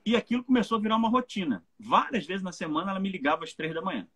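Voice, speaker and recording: A Brazilian pastor with a Brazilian Portuguese accent gives an informal Bible teaching on a live stream. His high voice is lively in intonation, very fast, pushed, bright and slightly rough, and he keeps checking in with listeners through tag questions.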